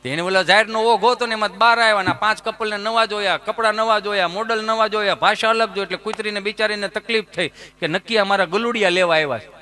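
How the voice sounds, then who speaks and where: A man with a Kathiawadi Gujarati accent telling humorous stories on stage in an animated, folksy way, acting out his characters. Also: high-pitched, fast talker, hardly any pauses. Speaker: folk stage comedian.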